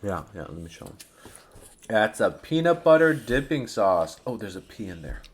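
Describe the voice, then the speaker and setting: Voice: medium pitch, big pitch swings, normal speed, breathy edge. A parent hosting a casual family eating video, coaxing a small child with sing-song questions.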